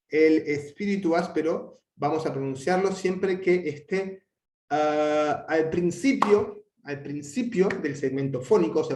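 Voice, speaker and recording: A man teaching a language lesson, explaining at length with frequent restarts and fillers, and drawing out his example words slowly. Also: a little high, darkish tone. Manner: hesitant, many restarts and fillers. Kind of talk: explanatory lecture. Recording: echoey room.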